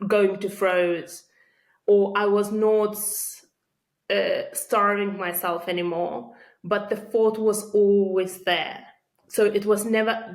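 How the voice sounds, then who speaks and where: A woman with a Lithuanian accent, a podcast guest telling her own story earnestly, pausing often with fillers. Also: mid-range voice. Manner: earnest, halting with frequent pauses and fillers. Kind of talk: interview storytelling.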